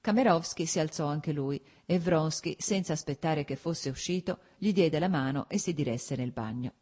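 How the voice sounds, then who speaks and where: A woman reading a classic novel aloud as scripted audiobook narration, at a measured, even pace. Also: low-pitched. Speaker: audiobook reader.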